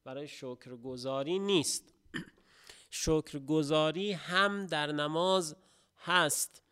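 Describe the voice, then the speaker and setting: Gravelly-voiced man giving a religious lecture. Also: a little high, fairly bright tone. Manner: halting, with pauses and restarts, rising to emphatic stresses.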